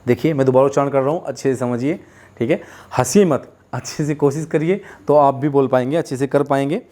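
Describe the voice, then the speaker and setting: Speaking briskly in a medium-pitched, dark-toned voice, a man teaches Hindi pronunciation in a classroom lesson. He repeats sounds and explanations over and over, asks students to say them with him, and calls his viewers children and friends.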